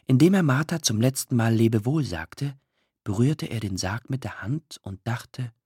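Expressive, husky male audiobook narrator. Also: medium pitch, dry recording, clean studio sound. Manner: expressive, emotional reading with drawn-out pauses. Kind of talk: scripted literary narration.

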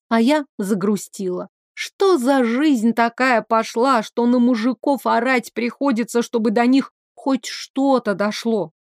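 A woman's voice: fairly high pitch, a little mellow, no echo, studio quality. A woman narrating a first-person audiobook in a sardonic, wry storytelling manner.

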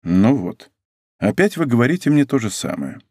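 A man voicing a calm, ironic aristocratic musketeer who answers an interrogation coolly. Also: mid-range voice, moderate pace, dry recording, studio quality. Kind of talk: audiobook character voice.

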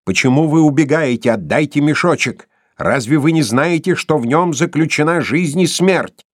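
A man's voice: medium pitch, lively intonation, a little slow, dry recording, clean studio sound, close to an everyday voice. A man playing a sinister mocking tyrant. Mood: menacing. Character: menacing jealous man, cruel tyrant.

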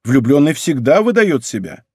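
A man's voice: fairly high pitch, very animated, normal speed, darkish tone, breathy edge, no echo, studio quality. A man voicing a proud young princess in an audiobook, pleading and slightly mocking. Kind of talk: audiobook character reading.

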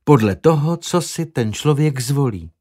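An earnest young woman who explains things softly and coaxes gently, as a male narrator puts her on. The voice moves up and down with lively inflection, in an audiobook read at a middling pitch. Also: natural voice. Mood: explaining.

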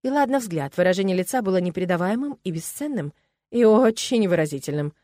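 A woman narrating an audiobook in the first person, with a wry, expressive delivery. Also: medium pitch, fast talker, dry recording. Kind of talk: scripted narration.

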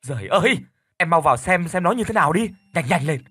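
A man voicing a stern older brother who presses loud, urgent questions into the phone. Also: a little high, big pitch swings, very fast, husky, dry recording, voice pushed up, full character voice. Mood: alarmed.

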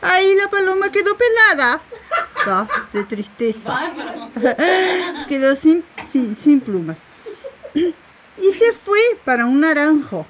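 A woman with a northern Uruguayan border accent telling a folk tale aloud, mixing Spanish and Portuguese words in an animated, repetitive way. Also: high-pitched, slow pace, pauses often, noisy background. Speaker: storyteller. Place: rural home.

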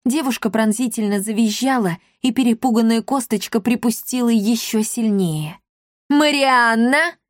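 A woman reading a children's fantasy story aloud, lively and dramatic, on a close microphone. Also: a little high, normal speed, few pauses, no echo. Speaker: audiobook narrator. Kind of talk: expressive audiobook reading.

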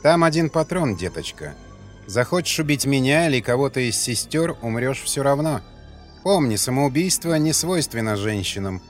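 A man voicing a cruel female leader of warrior women, speaking in an eerily calm, menacing way over faint music. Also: mid-range voice, normal speed, natural voice. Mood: cold.

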